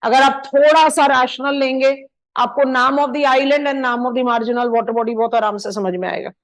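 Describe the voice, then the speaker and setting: A woman with an Indian accent teaching a live online geography map lesson, switching between Hindi and English and drawing on a map as she explains, drawing out key place names slowly. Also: high-pitched, fairly even intonation, poor audio.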